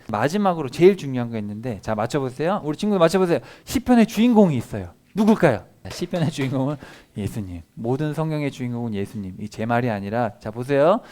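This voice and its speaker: A male pastor giving a children's sermon, animated and constantly quizzing the children with questions. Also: mid-range voice.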